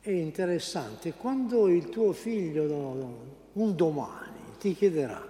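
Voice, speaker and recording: A priest preaches a homily slowly and haltingly. He often stops to search for the right word. His voice is dark and mellow, and it rings out in a large echoing church, picked up from a distance. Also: on the high side, animated. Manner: unhurried, halting, searching for words.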